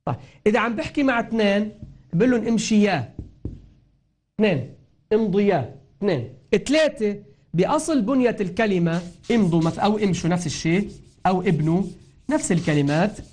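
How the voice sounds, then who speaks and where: A man with a Lebanese accent teaching a recitation lesson, explaining patiently and repeating example words slowly. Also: high-pitched, animated, darkish tone. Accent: Lebanese Arabic. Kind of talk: spoken grammar and tajweed lesson.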